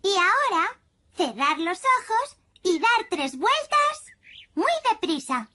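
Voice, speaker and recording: Peppa Pig, high-pitched little girl piglet. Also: very animated, takes it slowly, sharp tone, a little hiss or hum, exaggerated voice. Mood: bossy, eager. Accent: Castilian Spanish. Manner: emphatic, instructing. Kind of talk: children's cartoon dubbing.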